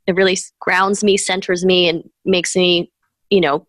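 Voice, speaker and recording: In this conversational interview, the guest is a mortgage professional, a woman who grew up speaking Spanish, and she keeps things upbeat with laughter between points. She speaks at a moderate pace in a fairly low, slightly bright voice with little pitch movement, captured dry.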